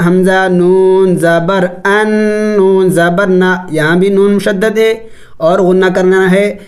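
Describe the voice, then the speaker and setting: A man gives a tajweed lesson. He spells out each letter and its vowel slowly and deliberately. Then he explains the recitation rules at a brisker pace. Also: sits high. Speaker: Quran recitation teacher.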